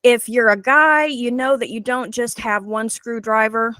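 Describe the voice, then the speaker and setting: A woman's voice: fairly high pitch, steady tone, a little slow, bright, forceful tone, clean tone, no room sound. A woman in her forties, a guest presenter telling her personal story in an earnest, heartfelt way over a video call.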